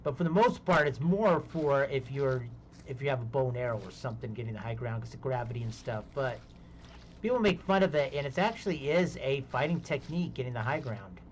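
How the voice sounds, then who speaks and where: A man's voice: mid-range voice, expressive, brisk, slight background noise. A man chatting casually while playing a game on a live stream, rambling between topics and laughing easily. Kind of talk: casual gaming chat.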